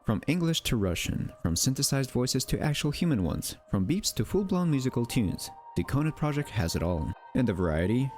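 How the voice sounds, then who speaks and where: A man with a medium-pitched, slightly mellow voice narrates a mystery video channel with big pitch swings, normal speed and few pauses, over soft background music. His scripted, documentary-style delivery is theatrical, with playful asides and rhetorical questions.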